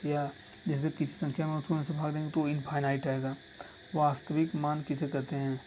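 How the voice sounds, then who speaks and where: A man's voice: a little high, completely flat delivery, normal speed, dark tone, slight background noise, low-quality recording. A male teacher dictating exam answers and repeating lines so students can write them down. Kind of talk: exam-prep lesson.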